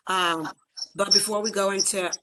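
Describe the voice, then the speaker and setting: A woman hosting a virtual veterans roundtable, conversational and a little halting, often stumbling over names and titles. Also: medium pitch, fairly even intonation, bright, forceful tone, slight background noise. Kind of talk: virtual meeting moderation.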